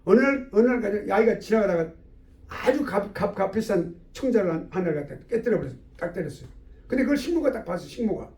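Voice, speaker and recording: Professor guy telling a story fast, high-ish and gravelly, echoey room far from the mic. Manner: animated, with acted-out dialogue. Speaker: theology professor. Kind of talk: storytelling lecture.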